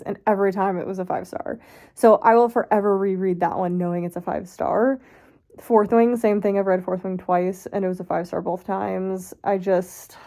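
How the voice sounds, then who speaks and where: In a lo-fi phone clip with faint background noise, a woman in her thirties vlogs about books in a mellow, medium-pitched voice. Tired and congested, she rambles casually, self-corrects, and keeps saying "like."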